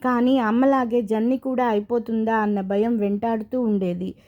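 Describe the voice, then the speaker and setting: A woman voicing a grieving young married man haunted by his past, told slowly and from the heart. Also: on the high side, fairly even intonation, lo-fi sound, lightly acted.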